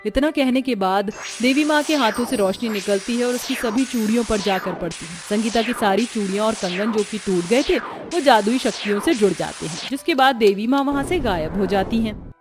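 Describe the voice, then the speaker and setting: A woman's voice: fairly high pitch, normal speed. Woman narrating a cartoon story. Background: faint music.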